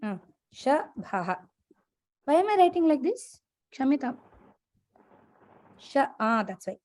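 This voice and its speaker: Woman, Indian accent, high-pitched voice, teacher, interactive lesson, prompting and correcting, repeats key words. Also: very animated, slow, darkish tone, no echo, clean studio sound. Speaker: Sanskrit teacher.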